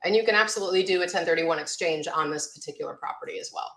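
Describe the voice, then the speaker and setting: A woman's voice: fairly low pitch, rapid-fire, a bit bright. A woman, a mortgage loan officer, explaining loan terms in a matter-of-fact way as an interview guest. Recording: roomy echo.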